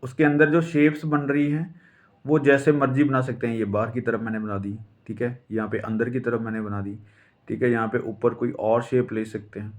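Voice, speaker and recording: A man from India with a light Punjabi-tinged Hindi accent, calmly explaining a drawing lesson step by step while he sketches, often checking in with "theek hai". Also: medium pitch, fairly quick. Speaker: drawing teacher.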